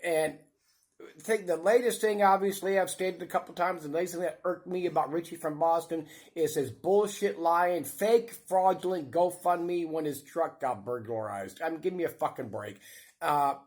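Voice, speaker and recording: A man's voice: on the high side, moderate pace, darkish tone. A man hosting his own channel, giving blunt, profane, rambling commentary. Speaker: channel host. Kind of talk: ranting commentary.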